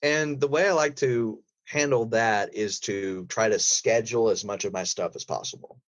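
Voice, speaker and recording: This podcast guest has a lowish male voice that stays steady at a normal speed. His advice comes out casual, emphatic and rambling, in the style of a relaxed interview conversation, recorded with roomy, somewhat dull sound.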